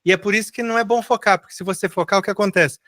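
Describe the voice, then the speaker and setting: Man, middle-aged, from Brazil, English teacher, bright voice, dry close sound, repeats words patiently. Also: sits high, steady tone, rapid-fire. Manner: explains patiently, repeats words for students to echo. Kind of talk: live online English class.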